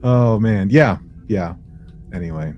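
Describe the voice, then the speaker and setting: A man co-hosts a podcast, rambling and joking in slangy everyday language as friends swap casual chat and anecdotes. His voice sits on the low side and moves slowly, the audio is dull, and faint music plays behind him.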